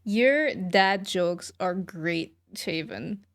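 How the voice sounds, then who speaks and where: Speaking extremely slowly in a lowish, expressive voice, a woman livestreams a game and chats casually with her audience. She responds informally to their comments, and music sits behind her voice.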